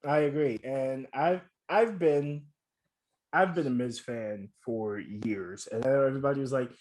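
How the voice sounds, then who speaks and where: A man from New Jersey talking casually on a podcast, mostly agreeing and adding short remarks. His voice sits at an ordinary middle pitch. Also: a little slow, darkish tone. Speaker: podcast co-host. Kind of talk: casual chat.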